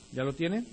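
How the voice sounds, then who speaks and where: A man preaching to his congregation in a somewhat husky, higher-pitched voice. He swings between quieter storytelling and climbing, emphatic exclamations. He keeps addressing the people in front of him directly. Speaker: pastor. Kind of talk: sermon.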